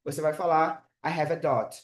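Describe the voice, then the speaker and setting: A man's voice: fairly high pitch, steady tone, moderate pace, reverberant. A man in his twenties teaching English in a casual live online class, chatty and full of fillers and check-ins with his students. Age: 20s.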